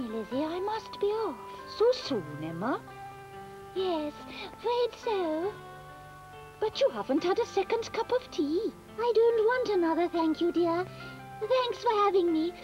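A woman's voice: extremely high pitch, big pitch swings, unhurried, darkish tone, soft background music, heavily acted, rough recording. A woman voicing a vain, fussy young female apple in a children's puppet cartoon, gushing and calling everyone dear. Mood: hurried. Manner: gushing, self-admiring, calls others dear.

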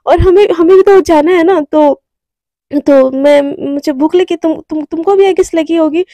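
A woman's voice: extremely high pitch, a little slow, warm tone, no room sound. A woman voicing a nervous young woman in love who stammers and repeats her words. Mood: flustered. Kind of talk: storyteller voicing a character.

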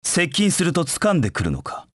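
A man's voice: a little high, wildly swooping pitch, normal speed, no room sound, studio quality. An actor playing a proud, cold hedgehog knight in a Japanese video game, curt and disdainful in his delivery. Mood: cool, watchful. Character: proud, cold anthropomorphic hedgehog knight, a brooding young male rival.

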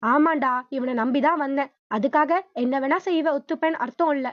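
A woman's voice: high-pitched, normal speed, dry recording, natural voice. A woman reading the part of a naive young woman who lashes out in hurt anger, on a dull lo-fi recording. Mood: angry. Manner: hurt, defiant outbursts. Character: young woman, naive but now fiercely angry.

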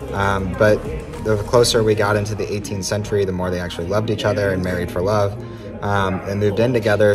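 A man in his thirties recapping a palace tour on a travel vlog, talking casually with lots of ums, filmed on a phone held at arm's length inside an ornate room. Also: sits low. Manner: chatty, many ums, relaxed recounting. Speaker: travel vlogger. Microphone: phone held at arm's length, selfie framing.

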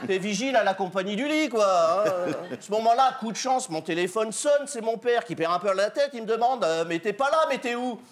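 A man's voice: high-pitched, lively intonation, a little fast, few pauses, noisy background. A man performing a comic monologue on stage, telling a story and voicing the people in it. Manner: storytelling, voicing characters in dialogue. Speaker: comedian. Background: audience laughter.

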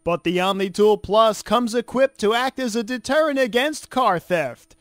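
A man plays an enthusiastic infomercial announcer with a high male voice. He sells earnestly, leaning on key phrases, and the parody voice-over sounds dry and close. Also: animated, a bit bright, dry recording. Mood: upbeat selling. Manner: salesy, drawn-out emphatic phrase endings.

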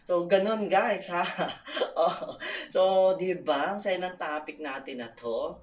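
A woman's voice: lowish voice, slow pace, recorded from a distance, muffled recording. A woman from the Philippines with a Filipino accent, chatting casually to her viewers, laughing often and calling out to them. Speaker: vlogger. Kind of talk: casual vlog chat.

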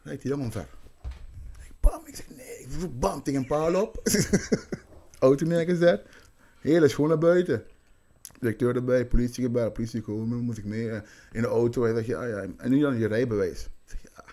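A man from Curaçao, telling anecdotes in casual podcast chat. He plays out the voices of the people in his stories, dropping into quick quoted exchanges. His voice sits at an ordinary pitch for a man. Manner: animated anecdotes, acting out quoted dialogue. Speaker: podcast guest.

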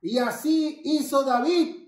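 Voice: high-pitched, slow, darkish tone. Carlitos, an adult doing a bubbly little boy. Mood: eager. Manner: bubbly, exclaiming, talks straight to the children. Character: cheerful little boy named Carlitos, proud young scout. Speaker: children's storyteller. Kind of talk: children's Bible story in character. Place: church. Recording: echoey church room.

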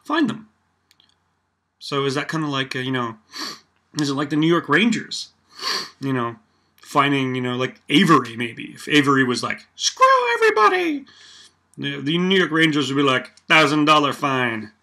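A man's voice: mid-range voice, moderate pace, pushed and bright. Sarcastic filler-heavy young man ranting. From Canada. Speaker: vlog host. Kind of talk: casual opinion rant.

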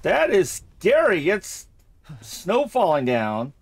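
Narrating his horror game playthrough slowly, this gamer has a high, slightly rough voice with vocal fry and wildly swooping pitch. His Let's Play commentary is casual and rambling, full of thinking aloud and frequent repetition.

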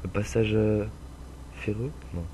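A young man with a stuffy nose casually commentating a truck-driving game, rambling with lots of fillers and swearing, with loud bursts of frustration at other drivers. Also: on the low side, fairly even intonation, measured pace, slight background noise. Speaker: gameplay commentator. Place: home room with a dog playing nearby.

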